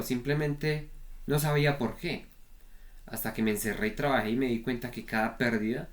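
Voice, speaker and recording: A man giving a frank, repetitive spoken lesson on trader psychology, often checking in with the listener. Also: medium pitch. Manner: frank, repetitive, peppers talk with "¿vale?". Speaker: trading coach.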